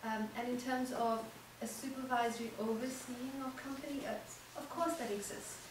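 A woman speaking as a panelist in a seminar, measured and thoughtful, with frequent ums. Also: fairly high pitch, fairly even intonation. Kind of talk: panel discussion answer. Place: seminar room with audience. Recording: echoey room, distant mic, audible noise.

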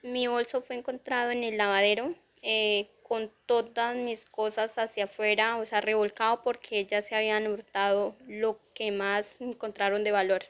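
A woman's voice: fairly high pitch, little pitch movement, moderate pace, hardly any pauses, fairly bright tone, smooth. A woman interviewed outdoors for a local news report, telling indignantly how her home was burgled. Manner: indignant, repetitive complaint. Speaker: burglary victim. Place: outdoors near a drainage channel.

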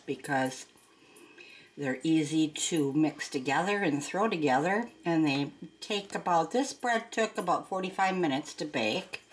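A woman with a notably deep, low voice talks through her home baking in an easygoing, unscripted way. She wanders from thought to thought, restarting and correcting her sentences as she goes. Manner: rambling, restarts and corrects herself often. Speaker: home cooking host. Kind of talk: casual cooking vlog chat.

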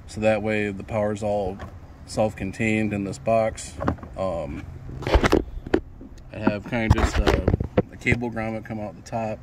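Filming on his phone outdoors in an apartment lot, a young fishing-channel host from Michigan casually demonstrates a fishing build, meandering with frequent ums and false starts. He speaks low and steady at a measured pace, pausing often, over noisy background sound.

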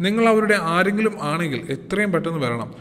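An auto-rickshaw driver giving an urgent, matter-of-fact report on the phone, voiced by a man reading aloud. His voice sits slightly high and echoes with a long reverb. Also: animated, quick pace, fairly bright tone.

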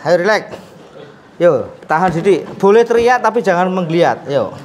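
A man's voice: high voice, animated, moderate pace, background noise. A man talks casually while giving a sports massage. He coaxes, chats and laughs often. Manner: coaxing, chatty, laughs often.

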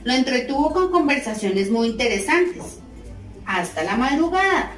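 Lady reading a kids story, high voice, slow and singsongy, echoey and far from the mic. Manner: slow, expressive, sing-song. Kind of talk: children's story narration. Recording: roomy, distant mic, faint music.

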